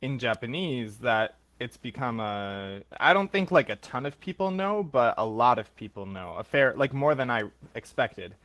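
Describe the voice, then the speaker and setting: A man's voice: medium pitch, sing-song, moderate pace, hardly any pauses, a bit bright, dry recording. A man from the United States chatting casually as a guest, talking freely with lots of fillers and restarts. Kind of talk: casual conversation.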